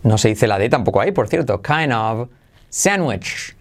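A man's voice: medium pitch, lively intonation. Man drilling English pronunciation. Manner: switches between Spanish explanation and slow drilled English phrases. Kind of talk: podcast pronunciation lesson.

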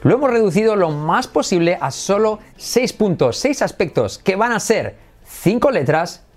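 An upbeat man gives an energetic online language lesson on English sounds, switching between Spanish and English and repeating words for practice. He is enthusiastic and very animated, with a high voice and a normal speaking speed.

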